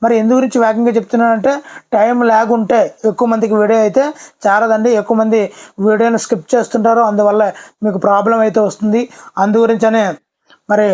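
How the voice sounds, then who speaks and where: A teacher talks through an exam-prep lesson in voice-over at a brisk clip. Key words come twice, and viewers are addressed politely throughout. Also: mid-range voice, a little mellow.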